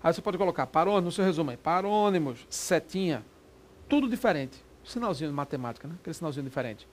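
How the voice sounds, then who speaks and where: A man teaching a Portuguese exam prep lesson in a lively, quick, informal way, often checking that the class follows. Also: on the high side, slight background noise.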